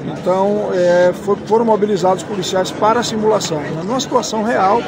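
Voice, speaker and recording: Brief: man in his fifties, police commander, formal measured delivery, higher-pitched voice, street interview with a loud crowd behind. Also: fairly even intonation. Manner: formal, measured official speech. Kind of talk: on-scene press interview. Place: outdoor city street at night among a crowd. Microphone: handheld reporter mic.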